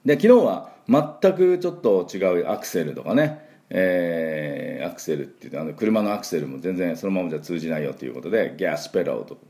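A man's voice: sits low, animated, brisk, dark tone. A middle-aged man teaching English pronunciation in a chatty, digressive way, drilling words for listeners to repeat. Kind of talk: spoken English pronunciation lesson.

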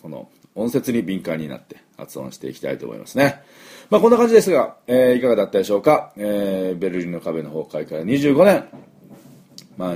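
A middle-aged man giving a chatty weekly pronunciation lesson, slow, with many fillers, saying words for the listener to repeat. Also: sits low, a little mellow, slightly rough. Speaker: English pronunciation teacher.

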